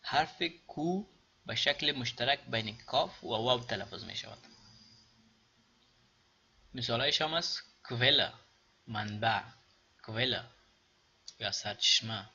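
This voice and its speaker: A man with an Afghan Dari accent, teaching German pronunciation and repeating example words slowly before explaining them. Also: mid-range voice, animated, pushed and bright, slightly rough, dull audio. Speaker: language teacher. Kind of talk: pronunciation lesson.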